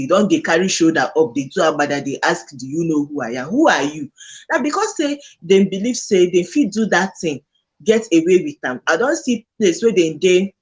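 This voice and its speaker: A man with a husky, slightly high-pitched voice and a Nigerian accent talks in casual Pidgin. He explains things like a storyteller, acting out his examples as he goes.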